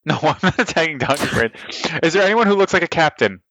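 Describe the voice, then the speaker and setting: A man's voice: fairly high pitch, expressive, quick pace, fairly bright tone, dry recording. A man talking casually and with animation as a player in a tabletop game.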